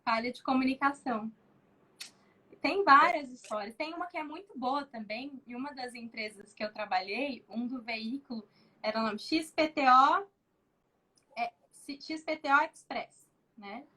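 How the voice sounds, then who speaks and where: A woman, a journalist guest telling stories in casual chat, animated and laughing often. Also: high voice, moderate pace, poor audio. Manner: animated, acts out quoted voices, laughs often.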